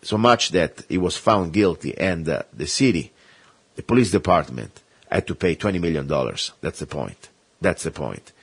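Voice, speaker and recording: Male talk radio host, low-pitched and raspy, impassioned rambling monologue. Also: expressive, normal speed, dry recording.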